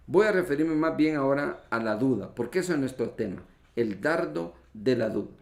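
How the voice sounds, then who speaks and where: This pastor's voice is mid-range, gravelly and darkish, with lively intonation and a moderate pace. Preaching in a church hall, he teaches his listeners word meanings and spelling rules step by step, often calling them brothers, and the echoey livestream carries it all.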